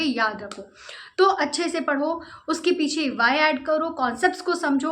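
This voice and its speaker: Young woman giving exam tips, high bright voice, keeps saying okay, drops in english bits. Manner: coaching, repeats "ठीक है" often, mixes English phrases. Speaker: study advice host. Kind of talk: direct-address study tips talk.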